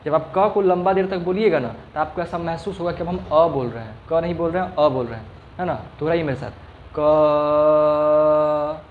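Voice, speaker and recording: A man's voice: fairly high pitch, fast, phone-quality sound, a little hiss or hum. A man teaching a classroom grammar lesson, asking the same question over and over and stretching out sounds to demonstrate them. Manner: repetitive questioning, checks understanding often.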